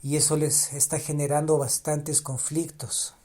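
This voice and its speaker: Unhurried and level, a higher-pitched man with a darkish tone hosts a podcast on his own. His reflections are marked by restarted phrases and repeated ideas for emphasis, and his first language is Spanish.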